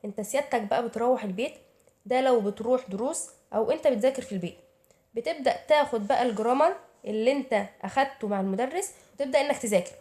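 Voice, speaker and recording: A woman's voice: fairly high pitch, very fast, warm tone. A woman with an Egyptian Arabic accent giving casual study advice to her viewers, chatty and answering her own rhetorical questions. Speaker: YouTuber giving study tips.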